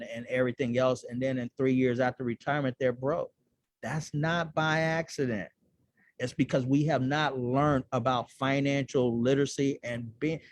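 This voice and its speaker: A man's voice: mid-range voice, dry recording. A man speaking as a guest on a webinar call, earnest and conversational, often checking in with "right?". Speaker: guest speaker on personal finance. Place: home or office on a webinar call. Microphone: video call microphone.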